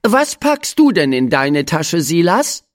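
Narrator voicing a schoolteacher, female, storybook, cheerful and firm, coaxing, high-pitched, very lively intonation. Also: slow. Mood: instructive. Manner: bright, coaxing classroom tone, asking the class questions. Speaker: class teacher. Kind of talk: storybook reading.

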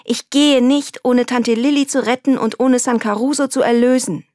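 A woman's voice: on the high side, fairly even intonation, normal speed, darkish tone, no room sound, studio quality, voice pushed up, close to an everyday voice. A woman voicing a stubborn, determined young girl. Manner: urgent, emphatic calling. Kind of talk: audiobook reading.

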